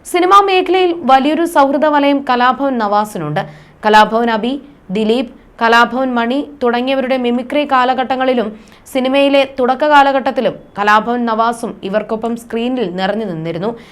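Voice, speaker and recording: A woman narrating a scripted news report in a formal, even read-aloud manner. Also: on the high side, moderate pace, clear, resonant tone.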